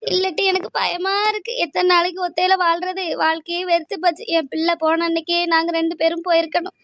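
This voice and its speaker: A woman plays a weary, frightened old wife in a cartoon, speaking. Her voice is very high and flat, and she talks quickly and plaintively, close and dry. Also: dry recording. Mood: despairing. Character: elderly grieving wife, fearful and weary.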